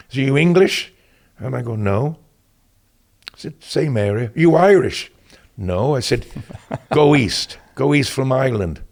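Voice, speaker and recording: A man's voice: medium pitch, darkish tone. An older Welsh man from Wales, a military veteran guest telling anecdotes in an interview and acting out the voices he quotes. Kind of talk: casual interview storytelling.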